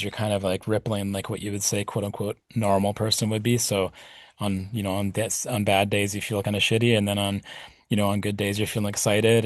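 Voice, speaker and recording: In a studio-quality recording with no room sound, a middle-aged man speaks as a guest on a podcast. A punk musician, he rambles reflectively through casual interview talk full of fillers, his voice fairly low-pitched and a little mellow.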